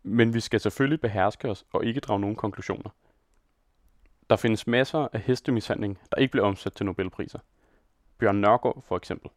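A man presenting a scripted literary radio feature and reading a novel aloud in a measured, dryly ironic manner on a close studio mic. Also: medium pitch, a little mellow, dry recording.

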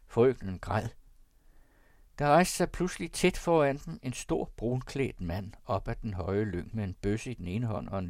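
Low-voiced male audiobook narrator. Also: a little mellow, dry recording, clean studio sound. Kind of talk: audiobook reading of classic prose.

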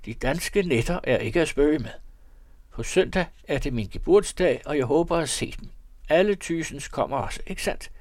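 A man's voice: on the high side, expressive, no room sound, studio quality, voice pushed up, lightly acted. A man voicing a fussy, pompous older country priest calling out from his carriage in a storybook reading. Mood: bustling. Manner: loud, bossy, chattering.

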